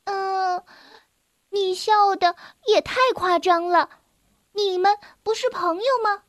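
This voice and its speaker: A woman's voice: extremely high pitch, fairly even intonation, slow pace, fairly bright tone, no echo, clean studio sound, voice pushed up, full character voice. A woman doing a kind curious little chick. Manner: curious and soothing.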